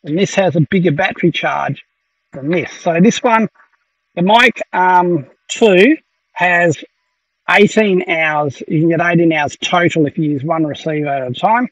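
A man's voice: on the high side, a little slow, no echo. A man giving a casual gear review from his workshop, hesitant and full of ums and restarts. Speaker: tech reviewer. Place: home workshop with 3D printers running. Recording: muffled, mic a bit far off.

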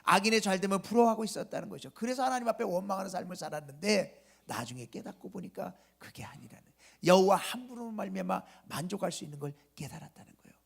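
A male pastor preaching at an early morning church service, asking the congregation rhetorical questions and dropping from loud emphasis to a soft whisper at the ends of phrases. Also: high voice, expressive, fast talker, gravelly. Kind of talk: sermon.

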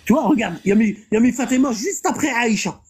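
A speaker leading a casual religious discussion, reading Arabic passages aloud and translating them with many pauses and fillers. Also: medium pitch, expressive, darkish tone, a little hiss or hum. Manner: explanatory, halting, many fillers, reads Arabic texts aloud then translates; keeps pointing listener to the text.

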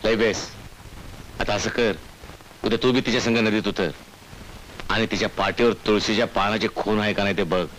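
A man's voice: fairly low pitch, steady tone, moderate pace, pauses often, fairly bright tone, slight background noise, close to an everyday voice, rough recording. An actor playing a scheming older village man who gives coaxing, rustic instructions. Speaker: film character. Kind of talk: 1980s film acting.

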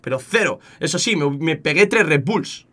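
A young man with an accent from Spain, telling a story casually to his chat, animated and often repeating words. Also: on the high side, normal speed. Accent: Spain Spanish. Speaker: streamer.

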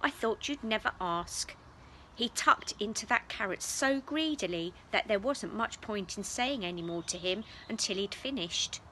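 A woman reading a children's story aloud in a gentle, expressive way. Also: medium pitch, moderate pace, few pauses, a little hiss or hum, poor audio.

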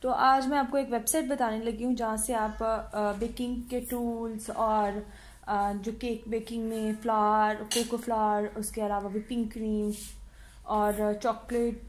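A woman hosting her cooking channel, chatting casually through an unboxing review of baking supplies and often pausing to fill gaps as she shows each item. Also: on the high side, level tone, slight background noise. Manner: chatty, frequent hesitations, shows items one by one. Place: indoors at home, seated over a box.

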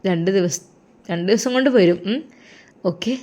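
Consoling younger brother, soft and reassuring, voiced by a woman. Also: lowish voice, moderate pace, natural voice. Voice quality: soothing, reassuring. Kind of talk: storybook narration.

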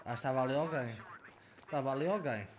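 A young man with a European Portuguese accent giving excitable, profane commentary over his own gameplay, taunting other players. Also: mid-range voice, quick pace, slight background noise. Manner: excitable, swearing, taunting players, swings between shouting and muttering. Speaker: gaming channel host.

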